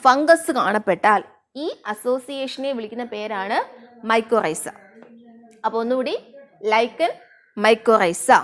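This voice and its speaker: Woman, high-pitched voice, biology teacher, online lesson, asks and answers her own questions, slows down on key terms. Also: expressive.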